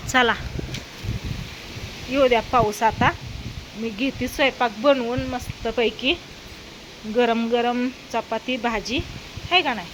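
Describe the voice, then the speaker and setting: This vlogger chats casually outside her house doorway in windy, rainy weather, using a sing-song voice to coax her pets as faint wind and rain carry in the background. She speaks a little high and steady, slowly, pausing often.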